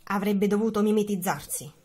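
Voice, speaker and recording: A woman reading a children's picture book aloud in an expressive, animated way. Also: medium pitch, moderate pace, slightly rough. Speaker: reader.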